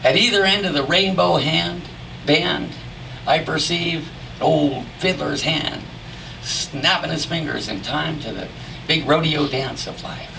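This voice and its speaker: Slow, gravelly man reciting cowboy poetry. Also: fairly high pitch, sharp tone. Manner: folksy, dramatic pauses, rustic cowboy diction. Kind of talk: cowboy poetry recitation, drawn-out storytelling verse. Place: live poetry reading at a venue. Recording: distant mic in noisy live room.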